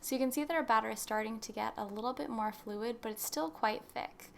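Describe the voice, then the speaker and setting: A woman's voice: a little high, a little fast, gravelly, a little hiss or hum. A young woman narrating a baking recipe as a voice-over, explaining each step in a friendly instructional way. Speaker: baking channel host.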